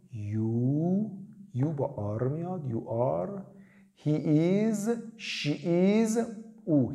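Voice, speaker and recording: Lively man drilling English basics. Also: a little high. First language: Persian. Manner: lively, drills phrases with repetition. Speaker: English teacher. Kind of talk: casual spoken lesson.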